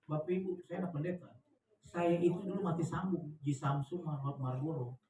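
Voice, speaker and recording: Brief: man pastor, high-ish voice, loose joking sermon, echoey church hall, mic set back. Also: steady tone, moderate pace, distant mic, noisy background. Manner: chatty, joking, with slangy asides and laughter. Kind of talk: lively conversational sermon.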